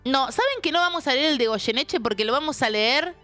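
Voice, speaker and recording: Argentine woman, radio co-host, blunt swearing banter, high voice, faint music behind. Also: animated, pushed and bright. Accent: Argentine Spanish. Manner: blunt, swears freely, quick retorts. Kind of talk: casual comedic radio chat.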